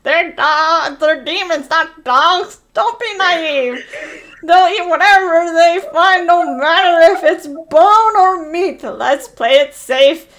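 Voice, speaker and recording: A woman voicing a panicky, cackling female witch brewing soup, reading aloud loud, slow and theatrical. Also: sits high, animated, voice pushed up, full character voice.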